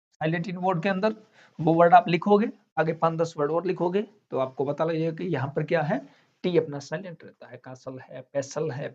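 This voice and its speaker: A male English teacher gives a classroom lesson in a fairly high voice. He explains step by step, asking questions and then answering them himself. The recording sounds dull and lo-fi.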